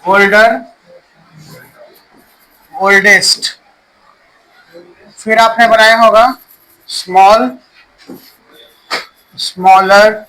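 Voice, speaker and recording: A man teaching an English grammar lesson, dictating slowly and checking in with his students. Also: high-pitched, bright, forceful tone, low-quality recording.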